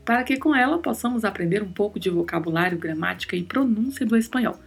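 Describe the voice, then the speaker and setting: A woman's voice: mid-range voice, animated, fast talker, creaky, husky. A woman hosting a podcast, teaching Spanish in a careful, scripted lesson and spelling out words and sounds. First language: Portuguese.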